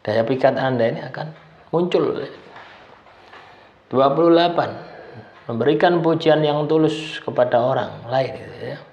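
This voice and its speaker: Male speaker, mid-pitched, unhurried list talk, "ya" after each phrase, echoey and slightly muffled recording. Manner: keeps adding tag "ya" after phrases. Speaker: spiritual self-help speaker. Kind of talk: casual numbered-list talk. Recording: roomy, slightly dull sound.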